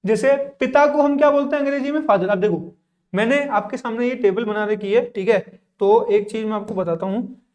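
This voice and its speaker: A man's voice: very high-pitched, darkish tone. Male teacher running a repetitive vocabulary drill, asking questions and answering them himself. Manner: drills and repeats with frequent "theek hai". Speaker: English teacher. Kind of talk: classroom lesson in Hindi.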